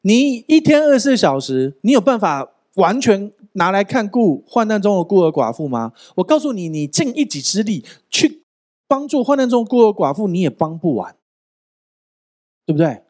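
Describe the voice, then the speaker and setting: A male pastor preaching a sermon in an animated, joking way, often asking the listeners rhetorical questions. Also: sits high, moderate pace.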